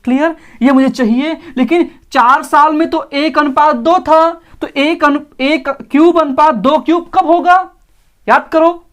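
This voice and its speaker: A male maths teacher giving an online exam-prep lesson, explaining slowly step by step and often asking whether his students follow. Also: very high-pitched, fairly even intonation, a bit bright.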